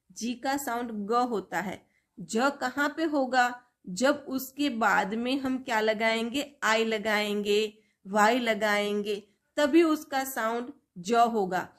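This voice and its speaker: A woman teaching English phonics, drilling letter sounds and example words one at a time. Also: a little high. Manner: slow, drawn-out word-by-word drilling of sounds. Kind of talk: phonics lesson for learners.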